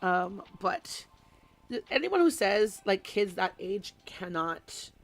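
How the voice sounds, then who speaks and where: Woman, kindergarten teacher, mid-pitched, rambling casual chat for a home hobby stream. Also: sing-song, slow, faint music behind. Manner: chatty and rambling, telling classroom anecdotes.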